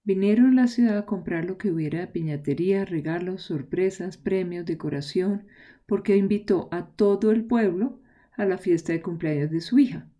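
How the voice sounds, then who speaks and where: Woman host, low dark tone, calm measured scripted narration. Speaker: podcast host.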